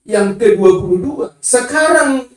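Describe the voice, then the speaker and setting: A woman's voice: on the high side, expressive, normal speed, a little mellow. A woman preaching a sermon, emphatic and calling out to the congregation, sometimes singing her phrases. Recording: echoey hall, voice from far off.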